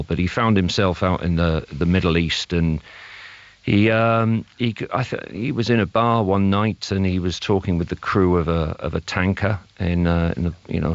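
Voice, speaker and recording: Very deep-voiced male author, lo-fi. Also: dry recording. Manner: storytelling, repeats words. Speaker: author and guest. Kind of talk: casual interview talk.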